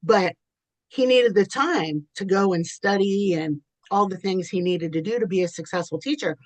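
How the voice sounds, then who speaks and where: A woman's voice: medium pitch, moderate pace, a little mellow, no room sound, rough recording. A woman co-hosting a podcast, telling a personal story in candid casual chat, often laughing. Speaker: podcast co-host.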